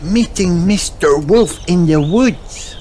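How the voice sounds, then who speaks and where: A man's voice: high voice, expressive, slow pace, background noise, voice pushed up. A man voicing a cheerful, curious little girl pig for a children's storybook.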